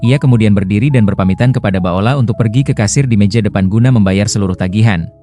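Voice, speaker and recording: A man giving scripted story recap narration in a steady, flowing storytelling delivery. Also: fairly low pitch, fast talker. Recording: narration over background music.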